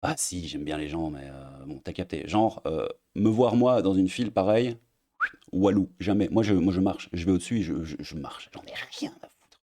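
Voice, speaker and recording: Speaking into a desk mic at his editing station, this young Belgian man goes on a casual rant to camera in a Belgian French accent. His low, mellow voice is animated and moves at a moderate pace, and his streamer banter is crude, mocking and heavy with fillers.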